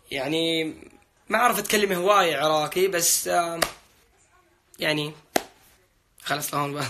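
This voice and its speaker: A man's voice: fairly high pitch, a bit bright. A young man hosting a casual livestream, chatty and playful as he reads out and thanks his fans. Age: young adult. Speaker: livestream host answering viewer comments. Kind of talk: casual live chat.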